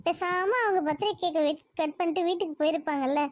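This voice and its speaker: A woman's voice: very high-pitched, fast, no room sound. A woman playing a girlish lovestruck cartoon girl. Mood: teasing. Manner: coy and teasing. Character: lovestruck young woman, playful and teasing. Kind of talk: cartoon voice acting.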